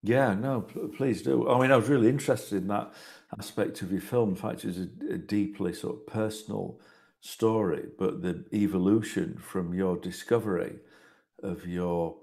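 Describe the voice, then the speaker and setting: Deep-voiced man musing on a video call. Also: fairly even intonation, moderate pace, creaky, darkish tone. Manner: thoughtful, rambling with restarts. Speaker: host, artist. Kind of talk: casual discussion on a video call.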